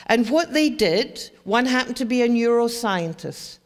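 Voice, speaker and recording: A Scottish woman with a slightly high, animated voice speaks at a measured pace, giving a chatty educational talk to parents as the presenter and often putting questions to the audience. The recording carries a long hall reverb.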